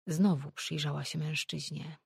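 A woman reads a novel aloud in an even, measured storybook narration. Her voice sits slightly low, with a gravelly, husky edge, recorded close and dry. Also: dry recording. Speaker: audiobook narrator.

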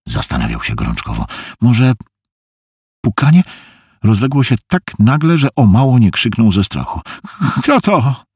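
Deep, husky male audiobook narrator. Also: big pitch swings, normal speed, long pauses, darkish tone, no room sound, studio quality. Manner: acts out tense dialogue with shifting pitch. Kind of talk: dramatic audiobook reading.

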